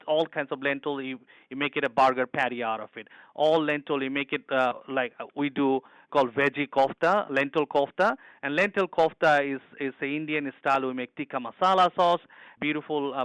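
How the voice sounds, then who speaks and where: A man's voice: a little high, fairly bright tone, smooth, no room sound, poor audio. A middle-aged man from Bangladesh, an executive chef answering interview questions earnestly, with frequent restarts and broken grammar.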